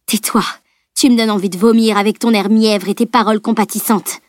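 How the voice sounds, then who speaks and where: A woman's voice: medium pitch, steady tone, brisk, no echo, studio quality, close to an everyday voice. A woman voicing a dying, power-mad female sorceress who spits contempt and hatred in an audiobook reading. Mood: contemptuous. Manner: spitting venom, grandiose and contemptuous.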